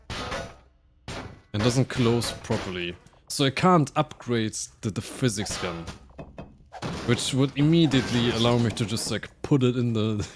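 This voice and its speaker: Animated male game streamer, faint noise. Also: mid-range voice. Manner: animated, swearing, laughing at mishaps. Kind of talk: live gaming commentary.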